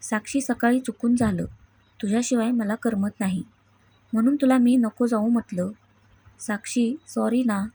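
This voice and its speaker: A woman voicing a teasing, quick-tempered young husband in a read-aloud story, in a slightly high, husky voice. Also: steady tone, mellow, no room sound. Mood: affectionate.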